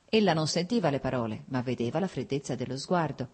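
A woman with a low, husky voice narrates a novel as an audiobook narrator, delivering literary narration in a measured, expressive storytelling style.

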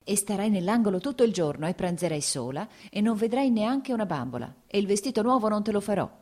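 A woman's voice: deep voice, moderate pace, dark tone. A woman reading as a scolding, exasperated mother. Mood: angry scolding. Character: exasperated aristocratic mother of several children.

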